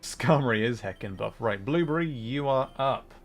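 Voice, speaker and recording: A man hosts a livestream as a VTuber gamer, chatting casually between bits of game commentary in a hesitant, thoughtful, self-effacing way. His mid-range voice is expressive at a moderate pace. Soft music plays in the background.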